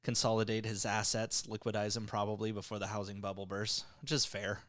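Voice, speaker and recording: A man's voice: lowish voice, monotone, brisk, fairly bright tone. A man hosting a podcast with wry, joking, profane casual banter, recorded in an echoey emptied room that sounds like a cave. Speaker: podcast host. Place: emptied room at home, packed boxes.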